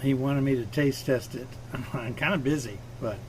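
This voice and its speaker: A man's voice: mid-range voice, normal speed, background noise. A man hosting a live stream from his home fish room, casually explaining his fish while he works on the tanks.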